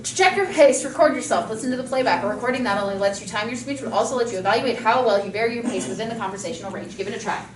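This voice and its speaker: A woman speech teacher giving a chatty, fast-talking classroom lecture. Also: fairly high pitch, crowd noise. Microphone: camera mic across a classroom. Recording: roomy, distant classroom sound with faint noise.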